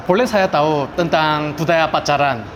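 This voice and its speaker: A man's voice: on the high side, moderate pace, background noise. A man from South Korea, a native Korean speaker, narrating a vlog and chatting with students in a friendly way. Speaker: vlogger visiting a campus. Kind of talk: casual vlog narration and interviews.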